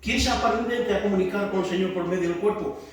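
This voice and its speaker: This sermon comes from a high-voiced male Spanish pastor teaching a discipleship class, speaking a little fast. His rhetorical questions rise into shouts, and the distant recording from an echoey church hall carries background music and a slight hiss or hum.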